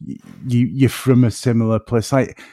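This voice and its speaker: This North West England man, from the area between Manchester and Liverpool, has a northern accent, medium pitch, and a dark tone, speaking a little slowly. As a podcast guest in a casual chat, he rambles off topic in a self-deprecating way. The recording is dry and studio quality.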